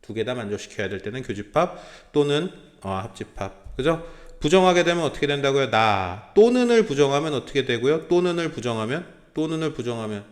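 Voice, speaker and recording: This man's mid-range voice is very animated and fairly quick as he tutors math to a small class. Tag questions come constantly as he checks in with students, along with blunt, slangy asides.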